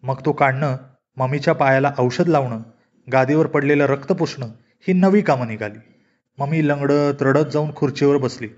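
A man narrating a comic short story in a steady, expressive storytelling manner. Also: medium pitch, moderate pace. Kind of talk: storybook reading. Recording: dull lo-fi recording.

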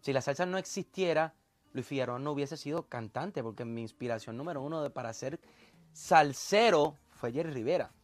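A man with a fairly high voice tells about his start as a salsa singer, in a clip played from an interview. The sound is dry and close, and he grows animated as he tells it. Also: fairly quick, dry recording, soft background music.

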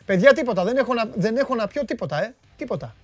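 Greek guy hosting a live sports stream, high voice, dry close sound, jokey and chatty. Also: animated, no echo, soft background music. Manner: joking, teasing, talks over the guest. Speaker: host of a live sports show. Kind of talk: lively live-stream chat.

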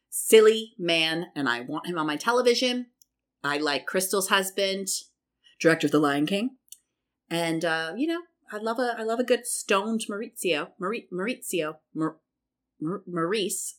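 A woman's voice: on the low side, pushed and bright. A woman recapping a reality TV episode in a casual, chatty and opinionated way, swearing freely.

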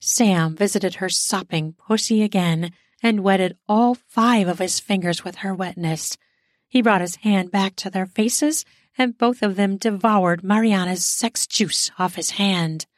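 A woman narrating an erotic audio story in a smooth, steady storytelling manner. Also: medium pitch, measured pace, no room sound, studio quality.

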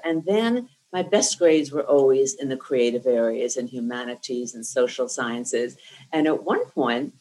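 A deep, darkish voice belongs to a New Jersey woman in her sixties whose first language was Lithuanian. She tells her life story articulately and reflectively for an oral history interview, captured on a rough recording.

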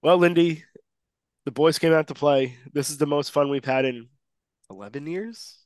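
On an excited sports podcast, a male co-host who is losing his voice sounds a bit nasal, talking emphatically and restarting often. His voice is on the high side and darkish in tone, at normal speed, with no echo.

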